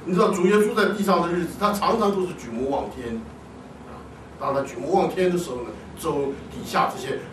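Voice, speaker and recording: A man preaching a sermon to a congregation, animated, often asking his listeners questions and answering them himself. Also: a little high, fast talker, noisy background. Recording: echoey hall, distant mic.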